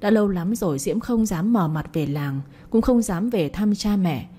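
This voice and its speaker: A woman tells a family drama in a measured, moralizing tone. Her voice is mellow and warm with a slight husk. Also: mid-range voice, animated, slightly rough. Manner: measured, commenting on events. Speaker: storyteller. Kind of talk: narrated moralizing story.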